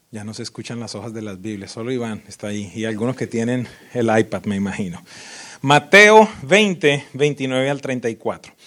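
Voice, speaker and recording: A man delivers a sermon as a pastor. His voice sits a little high and moves through a wide, animated range. He punches questions with sudden loud rises and slips into playful mock prayers. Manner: lively preaching with sudden loud rises and mocking impressions of worshippers.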